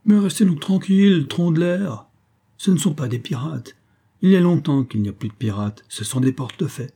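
A man voicing a gruff southern sea captain, blustering and exasperated. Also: medium pitch, expressive, fairly quick, mellow.

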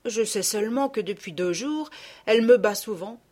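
A woman's voice: medium pitch, normal speed, darkish tone, lightly acted. A woman voicing a sad, mistreated little girl in a storybook reading, speaking plaintively. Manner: plaintive, sighing.

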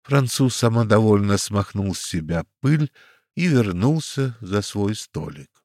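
A man narrating a detective story as an audiobook reader, in steady storytelling. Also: on the low side, measured pace, dry recording, studio quality. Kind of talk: scripted narration.

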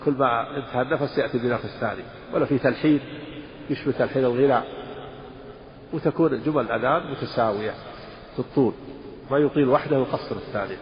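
A man, an Islamic scholar, teaching a religious lesson, explaining rules and briefly intoning the phrases he discusses. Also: medium pitch. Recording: dull lo-fi audio with long hall reverb.

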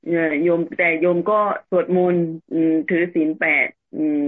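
Woman, follower on a video call, polite, halting, many fillers, tinny phone-like audio. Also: fairly low pitch.

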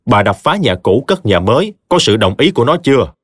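A man's voice: medium pitch, very animated, a little fast, dry recording, studio quality. A man voicing a stern, scornful village chief who barks orders. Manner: commanding and contemptuous.

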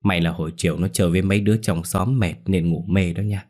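A man voicing an older mother in a spoken ghost story, scolding her grown daughter and then calming her. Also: low voice, quick pace. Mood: soothing. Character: stern but caring older mother.

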